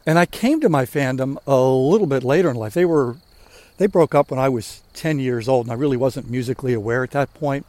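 A man in his sixties hosts a walking podcast, chatting casually and wandering off topic a little as he strolls outdoors. His voice is mid-range and slightly mellow, his pace a bit quick, and the recording is dry.

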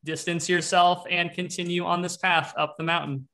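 Bright-voiced male game master. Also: high voice, little pitch movement, moderate pace. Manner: loose, filler-heavy narration with frequent restarts. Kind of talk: narrating a tabletop game.

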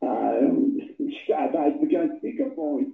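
A male caller from Manitoba, talking on speakerphone over a phone line, eager and chatty and quick to laugh. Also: on the high side, big pitch swings, creaky, reverberant. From Manitoba, Canada. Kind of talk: call-in radio chat.

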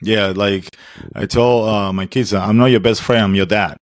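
Low-voiced man hosting a podcast. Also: steady tone, no room sound, clean studio sound. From Venezuela. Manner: halting, repeats words while searching for phrasing. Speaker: podcast host. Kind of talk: podcast interview.

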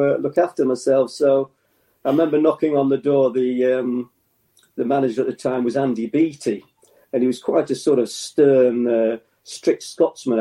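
An older man from England with a very dark, mellow voice recalls his playing days. He talks in a relaxed, halting way, restarting sentences and chuckling often. His pitch sits in the middle. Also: creaky, poor audio. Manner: halting, with many fillers and restarts and frequent chuckles. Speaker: former footballer, guest. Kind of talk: relaxed reminiscing interview.

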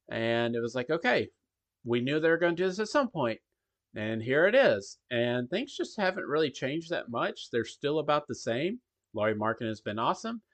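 A man's voice: mid-range voice, a bit bright. A man hosting a podcast in casual sports talk. His voice sounds hollow and echoing, as if he were in a tunnel, because his mic is faulty. He talks in a rambling way, with frequent ums and restarts. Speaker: podcast host.

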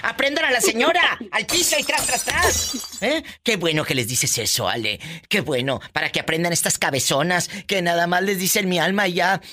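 A woman hosting a call-in radio show who teases her callers in a theatrical way and laughs often. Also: lowish voice. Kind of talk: playful call-in radio banter.

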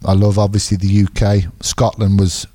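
A man's voice: fairly low pitch, monotone, moderate pace, mellow. A man with an English accent, co-hosting a casual podcast as a referee, rambling through stories with frequent laughs. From England. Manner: rambling storyteller who laughs often and restarts sentences. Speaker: MMA referee and podcast co-host.

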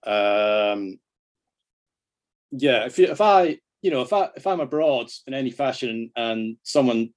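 A middle-aged man from Scotland guests on a podcast, chatting casually about football in an animated, mid-range voice at a measured pace. He is self-deprecating and happy to swear.

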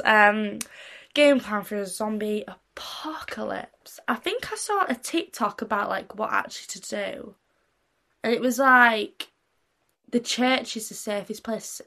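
A woman's voice: a little high, gravelly, fairly bright tone. A sixteen-year-old girl from Britain, a young singer answering interview questions in a casual, giggly, rambling way with lots of fillers. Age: teens.

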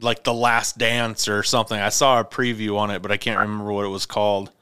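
A man's voice: on the low side, level tone, a little fast, pushed and bright, smooth, no room sound, studio quality. A man in his forties from Montana, hosting a casual podcast chat about movies in an easygoing, rambling way. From Montana, USA. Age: 40s. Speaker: podcast host.

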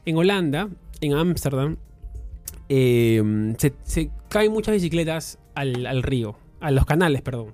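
A man telling travel stories on a podcast, his voice sitting a little high for a man and full of fillers and restarts. Faint music hums underneath. He keeps the tone relaxed and conversational. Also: a little slow. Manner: animated storytelling, many fillers and restarts. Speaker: guest. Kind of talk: casual podcast chat.

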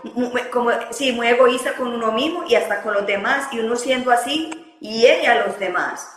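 A woman's voice: on the high side, moderate pace, roomy sound, slight background noise, poor audio. A woman hosting a podcast, speaking candidly and reflectively in casual conversation, often repeating words as she gathers her thoughts. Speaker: podcast host.

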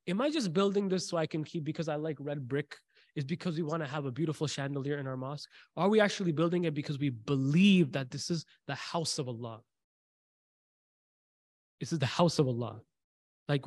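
A man's voice: a little high, dry recording. A man teaching a religious class who tells stories, repeats key phrases for emphasis, asks his listeners questions and recites short Arabic passages. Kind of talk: faith class talk with storytelling.

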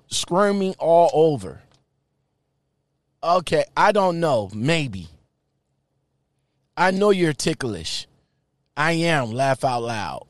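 A man reading aloud and commenting casually, with an informal, slangy and halting delivery. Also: on the high side, no room sound, clean studio sound. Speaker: online commentator.

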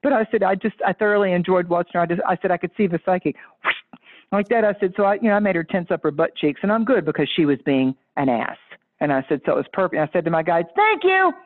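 A woman psychic tells a story as a guest, lively and emphatic, breaking into laughs mid-sentence. Her voice comes through a narrow, tinny phone line. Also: on the low side, fast. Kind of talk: animated anecdote-telling in casual chat. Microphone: phone or call line.

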